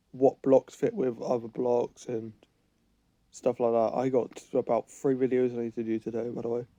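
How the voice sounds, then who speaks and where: A gaming channel host, sick with a cold and losing his voice, rambles through commentary while playing, thinking aloud and correcting himself. His voice is medium-pitched and dark, recorded dry.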